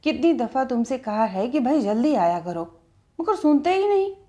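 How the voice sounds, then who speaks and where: A woman voicing an impatient, quick-tempered young woman student who scolds her driver. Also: sits high, big pitch swings, warm tone, lo-fi sound. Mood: scolding. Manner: scolding, irritated.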